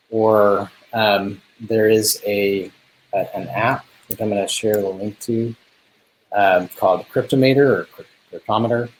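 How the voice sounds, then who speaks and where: A man's voice: on the low side, slight background noise, low-quality recording. A man co-presenting a business webinar, talking casually and hesitantly with many ums and restarts.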